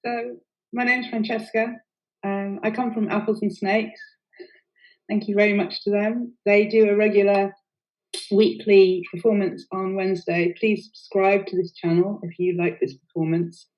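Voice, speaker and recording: A woman leading a poetry programme, giving a casual, halting thank-you speech with fillers. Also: mid-range voice, little pitch movement. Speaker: workshop leader and host. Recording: slightly dull lo-fi audio.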